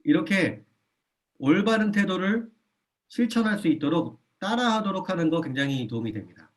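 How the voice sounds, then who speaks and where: Man giving an animated church parenting lecture. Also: sits high, normal speed. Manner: animated, often acts out a parent's lines in a soft voice; asks the audience and repeats key points. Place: church hall.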